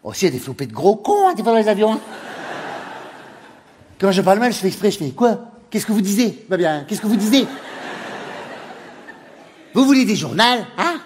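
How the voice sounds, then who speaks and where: A flamboyant, mocking male flight attendant with a northern French accent, played by a man in a comic monologue. His voice sits high for a man and keeps laughing at the passengers. It sounds like it is echoing through a long reverb with faint room ambience behind it. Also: sing-song, a little fast, pauses often, a little mellow, a little hiss or hum.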